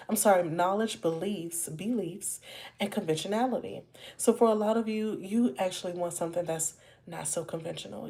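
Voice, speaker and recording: A woman's voice: mid-range voice, warm tone. A woman giving a live tarot reading, chatting with viewers and calling them y'all and baby. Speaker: tarot reader.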